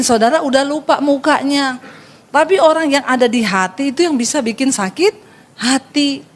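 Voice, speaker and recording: In a large hall, a woman pastor with a high voice preaches a sermon directly to her congregation. She tells funny stories and acts out the dialogue.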